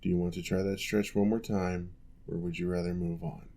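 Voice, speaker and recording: Speaking in a deep voice, a man portrays a retired orc general who has become a patient physical therapist. He gives calm, measured instructions in an ASMR roleplay, sounding reassuring throughout.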